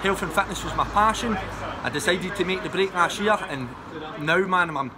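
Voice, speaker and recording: A Scottish man, a personal trainer, talking fast and earnestly as a guest in an outdoor vlog. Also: high voice, a loud crowd. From Scotland. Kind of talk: casual vlog chat. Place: outdoors on a street in Scotland. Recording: outdoor street noise with traffic.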